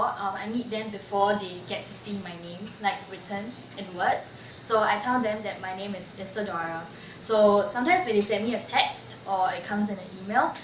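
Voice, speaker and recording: This interviewee is a woman in her 20s from Singapore who chats about her personal life, peppering her stories with "like." Her voice sits mid-range and sounds a bit bright. The distant mic in a roomy space picks up faint ambience and slight background noise.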